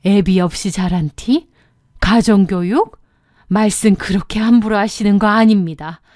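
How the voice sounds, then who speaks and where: A woman voicing a composed middle-aged mother who speaks in a cold, firm, measured way. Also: a little high, no room sound, studio quality, natural voice. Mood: cold, threatening.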